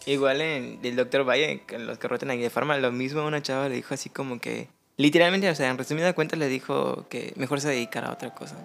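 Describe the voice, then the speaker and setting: A man's voice: medium pitch, fairly even intonation, quick pace, vocal fry, hardly any pauses, a bit bright, faint music behind. A man with a Mexican accent, chatting frankly as a podcast guest and telling stories with casual slang. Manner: storytelling, frank and conversational with slang. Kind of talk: casual chat.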